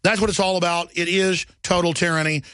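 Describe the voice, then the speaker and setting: Male radio host, high voice, heated sarcastic rant, dry studio sound. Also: fairly even intonation, fairly quick, sharp tone, clean tone, no echo. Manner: ranting, sarcastic, voice jumps high when mocking. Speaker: radio talk show host. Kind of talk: heated talk radio monologue.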